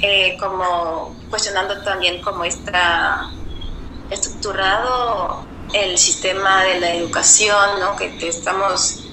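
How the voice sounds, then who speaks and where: A woman from Guadeloupe, a guest artist speaking slowly and reflectively on live radio. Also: mid-range voice, fairly even intonation. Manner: slow, reflective, hesitant. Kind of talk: live radio conversation over a remote call. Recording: echoey remote line with noise.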